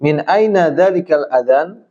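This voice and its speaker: Slow, patient male Arabic teacher. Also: on the high side, expressive, a loud crowd. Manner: slow, patient drilling with frequent "ya". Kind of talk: classroom Arabic lesson in Indonesian. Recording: roomy, slightly dull classroom sound.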